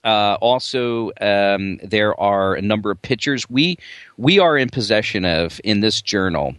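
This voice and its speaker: Low-voiced man with a Jersey accent. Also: expressive, fairly bright tone, dry recording. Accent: New Jersey. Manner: halting, many fillers and restarts. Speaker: journal editor on a podcast. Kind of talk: casual podcast chat.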